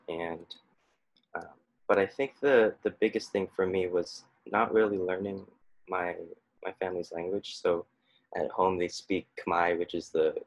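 A young man from Oregon speaks as a panel guest, hesitant and full of pauses. His voice is very low and gravelly. The sound is dry and close. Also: dry recording, rough recording. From Oregon, United States. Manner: hesitant, many pauses and ums. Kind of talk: casual chat.

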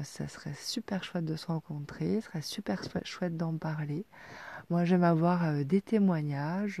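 Soft-spoken gravelly woman in her forties. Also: low-pitched, dry recording. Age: 40s. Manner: soft, hesitant, many fillers, often dropping to a near-whisper. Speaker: sex educator. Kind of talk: intimate advice talk.

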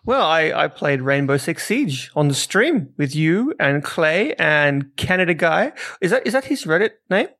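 A man co-hosting a casual gaming podcast, chatting with a dry, deadpan humor. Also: a little high, unhurried, hardly any pauses. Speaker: podcast co-host. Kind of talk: casual chat.

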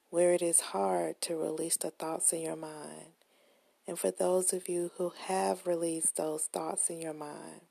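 Slow, husky woman guiding meditation. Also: lowish voice, no echo. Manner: soothing, gentle, unhurried instruction. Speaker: guided meditation host. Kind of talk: guided relaxation meditation.

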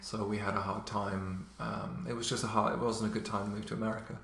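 A man in his thirties, raised in England and Luxembourg, telling stories in a relaxed way with many fillers. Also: on the low side, fast talker, gravelly. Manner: relaxed storytelling, many fillers, occasional laughs. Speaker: interview guest. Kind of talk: casual conversation. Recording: echoey room.

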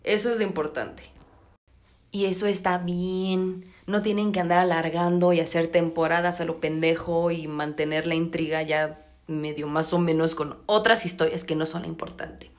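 A woman's voice: fairly low pitch, normal speed. A young woman with a Mexican accent who has just woken up, chatting animatedly and using lots of slang on her podcast. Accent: Mexican Spanish. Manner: animated, slangy, gasps and exclaims. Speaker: podcast host. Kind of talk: casual chat, series review.

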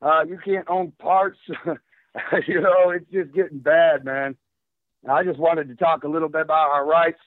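A man's voice: a little high, fairly even intonation, moderate pace, dry recording. Give me a man calling in by phone, fired up and rambling, on a dry, tinny phone line. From Washington State. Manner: fired up, rambling with many fillers. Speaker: caller. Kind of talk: casual call-in talk.

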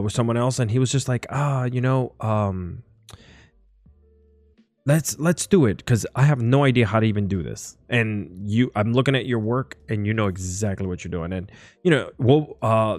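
A man's voice: fairly low pitch, moderate pace, darkish tone, dry recording, faint music behind. A man hosting a podcast, talking casually in a rambling, enthusiastic way. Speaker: podcast host. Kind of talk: casual interview chat.

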